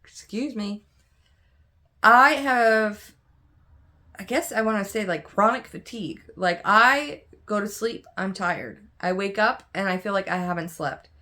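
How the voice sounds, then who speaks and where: A woman's voice: mid-range voice, moderate pace, few pauses, bright, forceful tone. A young adult woman chatting casually and candidly to camera as a craft vlogger, tired and yawning, rambling with many fillers and restarts. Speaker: cross stitch vlogger.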